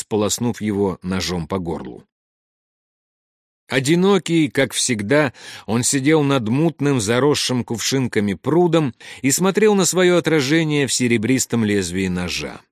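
Male audiobook narrator, animated dramatic reading, dry close recording. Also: no room sound. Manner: dramatic, sinks low and quiet at grim moments.

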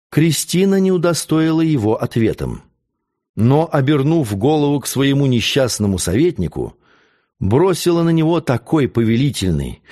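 A man narrating an audiobook in an expressive, theatrical reading. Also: medium pitch. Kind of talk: audiobook narration of a historical novel.

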